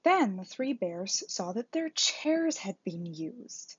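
Woman reading a kids story aloud, slow and singsong, kinda dull lo-fi audio. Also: medium pitch, husky, no room sound. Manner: expressive, slow read-aloud. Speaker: library storyteller. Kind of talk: bilingual storybook narration. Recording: dull lo-fi recording.

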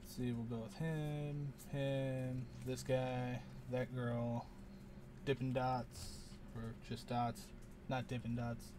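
A man's voice: medium pitch, level tone, slow, background noise. A man hosting a casual unboxing video, rambling and muttering to himself, often unsure how to say things. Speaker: channel host opening card packs.

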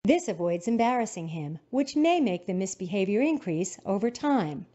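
A woman narrates a teacher-training video in a calm, instructive voice. Her intonation moves a lot, and her tone is mellow. The recording sounds dull and lo-fi. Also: mid-range voice, normal speed. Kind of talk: scripted narration.

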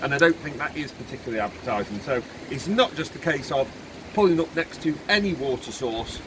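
A man's voice: mid-range voice, expressive. A middle-aged man, talking casually to camera in a raised, projected voice as he explains a project. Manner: chatty, raised voice projected over background noise. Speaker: vlogger presenting a build project. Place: outdoors beside a fast-flowing river. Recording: outdoor recording with rushing river noise.

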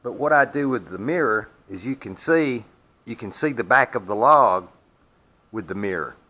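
A man's voice: lowish voice, lively intonation, normal speed, pushed and bright. A man demonstrating his sawmill in a metal shed, explaining in a plainspoken, folksy way, sometimes walking away from the camera. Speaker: sawmill owner. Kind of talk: hands-on demonstration.

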